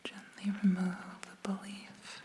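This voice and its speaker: Female ASMR host, whispered pep talk and affirmations, breathy and gentle, unhurried delivery, very even tone. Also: medium pitch. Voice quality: breathy, mostly unvoiced whisper. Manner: gentle, slow, reassuring, with long pauses.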